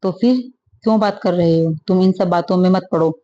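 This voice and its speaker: Woman doing hurt young wife, sharp upset questions, storybook reading, dull lo-fi sound. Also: on the low side, moderate pace, a little hiss or hum, lightly acted. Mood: angry.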